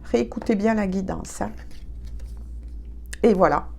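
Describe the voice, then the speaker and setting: A woman's voice: mid-range voice, measured pace, gravelly, a little mellow, a little hiss or hum. A woman giving a casual, chatty tarot reading, hesitant and congested from allergies. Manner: chatty, hesitant, peppered with "hein". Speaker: tarot card reader.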